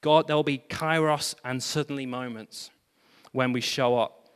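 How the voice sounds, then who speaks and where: A man pastor preaching a sermon, animated, with self-deprecating humor and exclamations of praise. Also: mid-range voice, measured pace, clean tone, long reverb tail.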